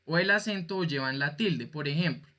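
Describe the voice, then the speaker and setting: A man's voice: fairly high pitch, a little fast, bright, forceful tone, highs cut off. A male teacher giving an online class, patient and jokey, quizzing his students as he explains. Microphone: video call.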